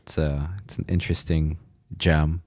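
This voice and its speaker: A man's voice: rumbling low, flat delivery, moderate pace, a little mellow, dry recording, clean studio sound. A man co-hosting a music radio show, chatting in a laid-back way about the track he picked, with lots of "you know" and "like". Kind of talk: casual music radio chat.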